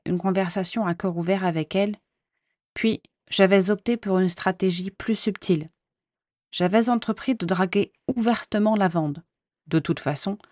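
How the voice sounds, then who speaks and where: A woman's voice: on the low side, darkish tone, no room sound, studio quality. A woman steadily reading a first-person story aloud. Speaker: reader.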